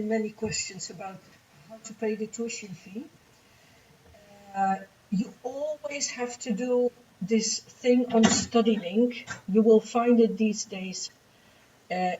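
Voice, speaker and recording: A woman on the university staff walks students through payment steps. Her voice is mellow and warm, she speaks plainly and practically, and the sound is somewhat dull and muffled. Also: on the high side, slight background noise. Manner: plain, practical, chuckles at the rules. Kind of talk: webinar explanation.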